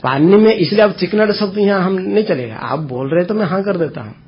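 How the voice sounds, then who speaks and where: A man with a slightly high, husky voice gives an informal spiritual talk. He explains step by step with household examples and responds to listeners as he goes. The recording sounds dull and lo-fi. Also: expressive. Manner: explains slowly with homely examples, answers listeners. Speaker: spiritual teacher.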